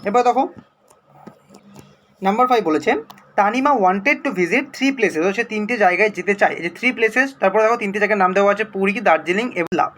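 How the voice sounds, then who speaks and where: A man with a Bengali accent teaching a primary school English lesson, reading English examples slowly and then explaining them in Bengali. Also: high voice, fairly bright tone.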